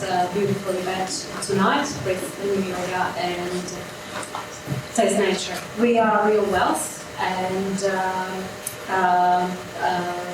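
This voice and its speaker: A hesitant middle-aged woman from Slovakia, a doctor, gives a pitch at an evening event, her voice fairly flat and stumbling over fillers. She sounds far from the microphone in a very echoey room. There is a steady noise behind her. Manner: hesitant, many fillers and restarts. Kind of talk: business pitch presentation.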